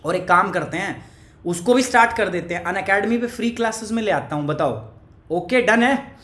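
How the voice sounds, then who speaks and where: A man's voice: sits high, lively intonation, normal speed, pushed and bright. A male teacher with a cough, giving a chatty live online class and teasing viewers by name. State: has a cough. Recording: echoey room.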